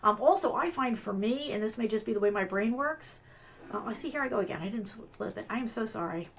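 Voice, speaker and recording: A woman with a fairly high voice hosts a live online tutorial at her computer. She talks casually and apologizes often, trailing into fillers and restarts. Her voice is wearing thin as she is losing it. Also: expressive, brisk, slight background noise. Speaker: host of a live business analyst show.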